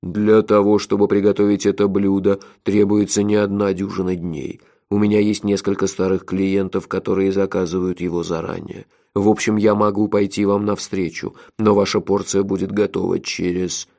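A man's voice: deep voice, flat delivery, moderate pace, vocal fry, few pauses, warm tone. A man voicing a pompous, unsmiling innkeeper and chef in a fantasy audiobook, talking in a formal, ceremonious way. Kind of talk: audiobook character voice.

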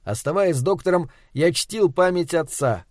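A man narrating an audiobook in a measured, reflective storytelling manner. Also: fairly high pitch, animated, a little mellow, dry recording, clean studio sound.

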